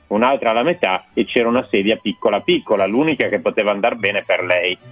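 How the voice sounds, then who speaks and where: A man reading a children's fairy tale aloud on a radio show, in a slow, expressive storyteller's manner. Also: medium pitch, no echo. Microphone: studio microphone. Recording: dry, tinny radio broadcast with faint music.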